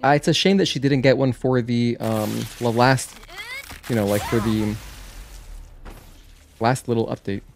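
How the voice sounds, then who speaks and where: Gravelly and medium-pitched, his voice moves at a measured pace broken by long pauses. He's a man streaming a video game, chatting casually with his audience in a meandering way and interrupting himself to react and reply, with game music in the background.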